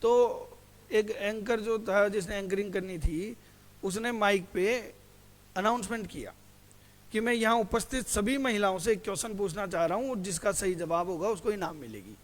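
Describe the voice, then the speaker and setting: High-voiced male teacher in an echoing hall. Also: moderate pace. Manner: asks students questions and answers them himself; calls students "beta". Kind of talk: classroom lecture. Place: classroom. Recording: hall reverb.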